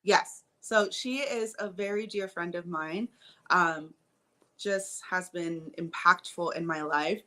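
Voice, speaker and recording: A woman's voice: on the low side, slow. Woman podcast co-host telling a story. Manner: warm storytelling, frequent laughs. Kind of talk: casual podcast chat.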